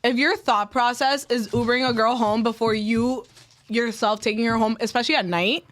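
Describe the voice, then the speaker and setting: Higher-pitched, insistent woman in casual debate. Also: fairly even intonation, moderate pace.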